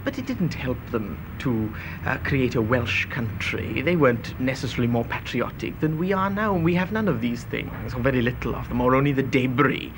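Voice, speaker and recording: A man's voice: mid-range voice, moderate pace, hardly any pauses. A man giving discursive interview answers in hesitant, intellectual phrasing, circling back over his words. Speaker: interviewee, commentator. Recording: faint background noise.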